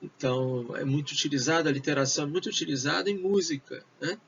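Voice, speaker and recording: A man teaching a recorded video lesson, talking slowly and hesitantly with many fillers and switching between Portuguese and English. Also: on the high side, creaky. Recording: dull lo-fi with faint noise.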